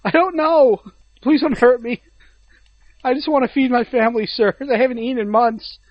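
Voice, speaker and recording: A man's voice: very high-pitched, normal speed, dry recording, voice pushed up. A man voicing a frightened male engineer who pleads and whines. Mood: pleading. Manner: begging, whiny. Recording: slightly dull lo-fi audio.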